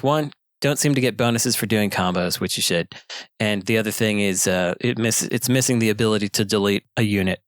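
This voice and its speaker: A man co-hosting a podcast in casual chat, running through items in a brisk, matter-of-fact way. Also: fairly low pitch, no room sound, studio quality. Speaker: podcast co-host.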